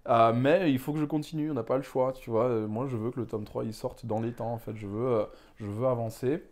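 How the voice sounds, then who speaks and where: A young man from West Africa speaks as an interview guest, with a medium-pitched voice. He talks in a loose, reflective way, circling back and adding little asides as he thinks. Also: steady tone, brisk, darkish tone. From Ghana, West Africa. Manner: rambling, reflective, frequent "tu vois". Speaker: manga author guest. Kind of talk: candid conversational interview.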